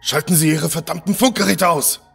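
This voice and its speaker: A man's voice: medium pitch, normal speed, faint music behind, close to an everyday voice. A man voicing a brilliant, irritable male doctor who explains things precisely in a lecturing way, in a spoken horror story. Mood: furious.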